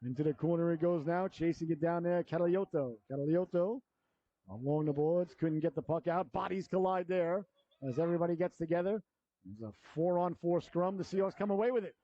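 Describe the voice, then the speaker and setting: A middle-aged man calling live hockey play-by-play as an announcer, folksy and excitable, with colourful slang. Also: fairly high pitch, brisk, dry recording, muffled recording.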